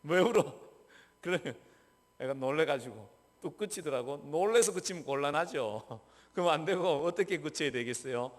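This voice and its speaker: A man pastor preaching a sermon in a church, questioning the congregation and answering himself, dropping from loud emphasis to soft asides. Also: a little high, animated, moderate pace. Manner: swings between loud emphasis and soft, near-whispered asides. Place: church sanctuary. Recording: long reverb of a church hall.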